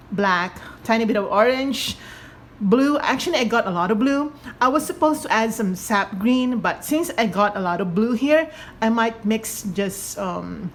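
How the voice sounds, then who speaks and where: A woman's voice: mid-range voice, a little hiss or hum. A woman hosting a painting tutorial in a chatty, giggly, casual way, with slightly awkward articulation from braces just being removed. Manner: chatty, giggly, self-correcting. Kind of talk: casual hands-on tutorial talk.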